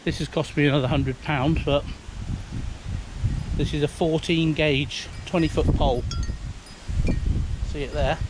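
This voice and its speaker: His voice sits fairly high, the tone stays steady, and he speaks a little slowly with frequent pauses. He's a British man in his fifties doing an unpolished, rambling hobbyist show-and-tell, captured on a phone or handheld camera beside a house on a breezy day with background noise.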